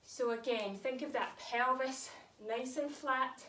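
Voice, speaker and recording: A woman leads a pilates workout in an unhurried, encouraging way, counting down reps as she moves along with the class. Her voice sits high and she is out of breath. It is recorded in an echoey room with her a little way from the mic. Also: fairly bright tone, far from the mic, a little hiss or hum. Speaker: pilates instructor. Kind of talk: guided workout instruction.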